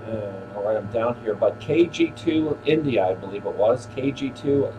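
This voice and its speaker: A man's voice: medium pitch, normal speed. An older man hosting a ham radio exchange in a casual, courteous way, using radio procedure words. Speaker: radio operator hosting an on-air rally. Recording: clearly noisy, steady hum.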